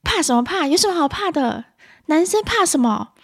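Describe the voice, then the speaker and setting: A woman voicing a short-tempered mother who scolds her kids in a sharp, shrill voice. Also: very animated, moderate pace, full character voice. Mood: angry, shrill.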